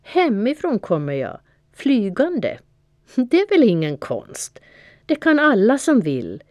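A woman's voice: fairly low pitch, sing-song, a little mellow, no room sound. A woman voicing a boastful young tomcat who swaggers and shows off, in a storybook reading. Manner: swaggering, showing off. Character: boastful young tomcat poet, cocky and proud.

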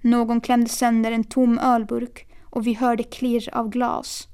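A woman reading a children's novel aloud in a steady, quiet storytelling manner. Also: on the high side, clear, resonant tone. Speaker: narrator. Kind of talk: audiobook reading.

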